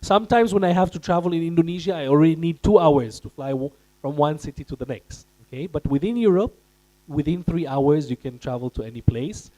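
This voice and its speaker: A man's voice: fairly high pitch, brisk, mellow, poor audio. A man from Austria giving a presentation to students at a career event, speaking directly to his audience and putting questions to them.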